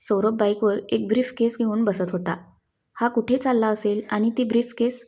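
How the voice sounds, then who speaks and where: A woman narrating a scripted story in a slow, calm, even reading voice. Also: fairly high pitch.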